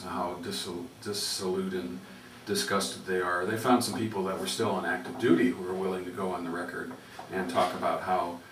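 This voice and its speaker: A man working as a public radio host, interviewing conversationally in halting, rambling phrases. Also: deep voice. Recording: roomy, distant, noisy radio interview.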